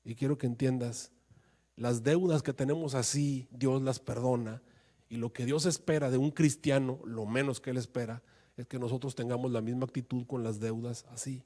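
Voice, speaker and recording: A man's voice: medium pitch, fairly even intonation, moderate pace, warm tone. A male pastor preaching a sermon with passion, his voice rising into emphatic pleas.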